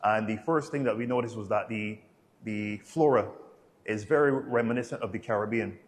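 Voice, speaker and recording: A Bajan travel vlog host in his thirties from Barbados talks at a normal speed in a low-leaning voice. Laid-back and colloquial, he narrates his travels and answers interview questions casually.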